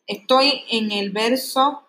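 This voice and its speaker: A woman's voice: a little high, slow pace, bright, forceful tone, poor audio. A woman teaching a literature class, retelling scenes casually with slang and bits of English. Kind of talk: recorded class lecture.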